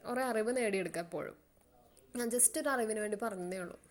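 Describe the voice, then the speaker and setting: A woman teacher with a Malayali accent explaining an English lesson to students, slowly repeating words so they can follow. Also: medium pitch.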